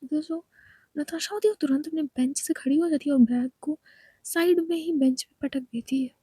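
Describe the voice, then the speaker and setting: Soft-spoken woman narrating a story. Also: high-pitched, moderate pace, dry recording.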